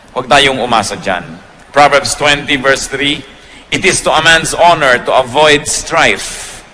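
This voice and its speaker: A man's voice: mid-range voice, in a large hall, a little hiss or hum. A man preaching a sermon and switching between Tagalog and English, pushing his voice up for emphasis. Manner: mixes Tagalog and English, animated rising emphasis. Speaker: pastor.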